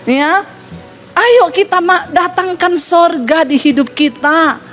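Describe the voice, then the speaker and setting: A woman pastor preaching a sermon with a lively storytelling manner, teasing her congregation. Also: very high-pitched, slow pace, soft background music.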